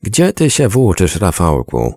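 A man's voice: a bass voice, huge pitch swings, slow pace, gravelly, a little mellow, no echo, full character voice. A man doing a stern, curt grandmother. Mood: scolding. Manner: dry, scolding.

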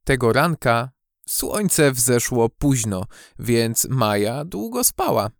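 Give me a man narrating a children's storybook with a lively, expressive delivery, dry and close. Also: mid-range voice, slow pace, gravelly, no echo. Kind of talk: storybook audiobook reading.

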